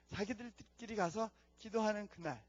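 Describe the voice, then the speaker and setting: A high-pitched man speaks unhurriedly, his audio missing the top frequencies. He's a missionary delivering a testimony sermon as an earnest story, dropping to a hush when he prays. The setting is a church conference hall.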